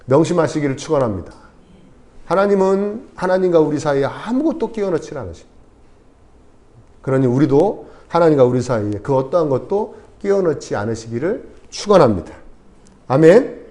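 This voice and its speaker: A man preaching a sermon as pastor, telling the story with lively storytelling and acting out the dialogue. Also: fairly high pitch, normal speed.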